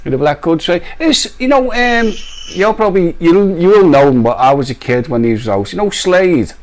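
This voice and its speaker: A man's voice: on the high side, lively intonation, normal speed, a little mellow. A man hosting a casual live stream, joking, teasing and laughing often.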